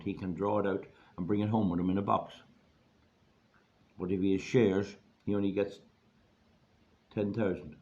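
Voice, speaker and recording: A hoarse Irish man giving an informal, rambling monologue in a plain-spoken, folksy way, repeating phrases for emphasis. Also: sits low, warm tone. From Ireland. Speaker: online video host giving money advice. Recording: dull lo-fi audio, faint background noise.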